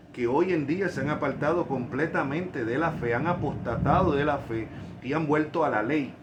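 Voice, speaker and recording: A man's voice: medium pitch, a little hiss or hum. Emphatic Puerto Rican male preacher. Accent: Puerto Rican Spanish. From Puerto Rico. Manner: emphatic, rising on key points. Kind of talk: sermon.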